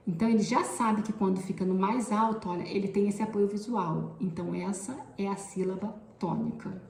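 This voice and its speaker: A woman's voice: mid-range voice, steady tone, a little fast, vocal fry, a little mellow, roomy sound. A woman teacher, explaining classroom activities step by step and often pointing things out. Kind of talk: instructional explanation.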